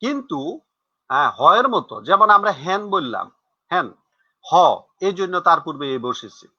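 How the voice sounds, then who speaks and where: High bright-voiced guy teaching grammar, muffled lo-fi sound. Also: dry recording. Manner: explains slowly, repeats examples, asks rhetorical questions. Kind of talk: recorded classroom lesson. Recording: dull lo-fi dry sound.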